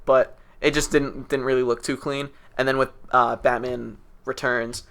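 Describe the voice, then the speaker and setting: A man's voice: medium pitch, flat delivery, moderate pace, vocal fry, fairly bright tone. A man co-hosting a podcast, chatting casually and enthusiastically with plenty of fillers. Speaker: podcast co-host. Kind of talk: casual chat.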